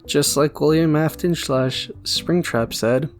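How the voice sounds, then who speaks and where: A slow, slightly high-pitched male voice carries this casual fan theory commentary. The YouTube essayist wanders from point to point, joking and self-deprecating, while music runs underneath.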